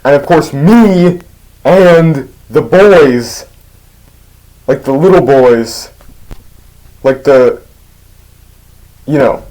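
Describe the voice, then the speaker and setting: A man's voice: a little high, extremely slow, long pauses, dark tone, low-quality recording. A man voicing a laid-back male skeleton in a rambling comedic storytelling style, full of restarts and absurd turns.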